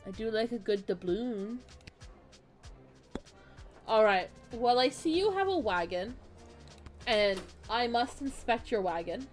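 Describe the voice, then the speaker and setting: A woman's voice: on the high side, sing-song, takes it slowly, pauses often. A woman giving casual, playful commentary as she plays a video game and reacts aloud. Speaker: game streamer. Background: game music.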